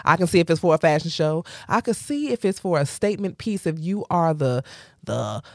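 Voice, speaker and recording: Lively, joking woman in dry close sound. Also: fairly low pitch, brisk, no room sound. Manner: animated, slangy, joking. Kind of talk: casual comic banter.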